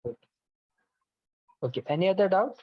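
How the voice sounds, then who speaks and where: Very animated and slightly rough, this high-sitting male voice moves at a moderate pace through a walkthrough of an online course platform. He's patient with the students, gives instructions step by step, and keeps saying "okay," all over a dull, lo-fi, dry video call mic with no echo.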